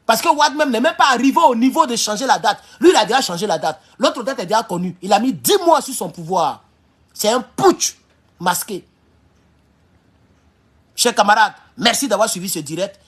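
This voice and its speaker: Fiery, husky-voiced man rallying his viewers. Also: high-pitched. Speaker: livestream host. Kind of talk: impassioned livestream address.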